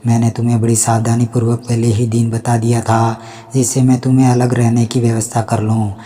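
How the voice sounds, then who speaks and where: Guy reading as a strict old mother-in-law, scolding, flat monotone, echoey room. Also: mid-range voice, fairly quick, close to an everyday voice. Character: stern traditional older mother-in-law.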